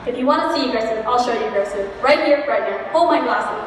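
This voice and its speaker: A woman's voice: a little high, quick pace, slight background noise, natural voice. A young woman playing a feisty group member in an amateur stage skit. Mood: combative. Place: large event tent stage, distant camera. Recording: very echoey tent, far from mic.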